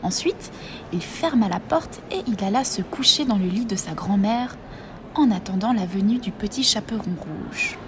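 A woman narrating a storybook aloud at a middling pitch, steady and expressive. A faint hiss of noise sits in the background. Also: moderate pace.

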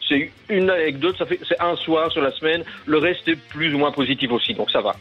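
A man calling in to a radio show, his voice sitting a little high for a man. He tells a story in an easygoing, rambling way and often pauses to hesitate. Faint music plays underneath the call. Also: lo-fi sound. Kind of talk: casual call-in chat, telling an anecdote.

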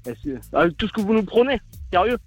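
A man's voice: sits high, very animated, fairly quick, slightly rough, no room sound, faint music behind. A male caller on a radio show, agitated and defensive, stammering as he argues back. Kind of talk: phone-in argument.

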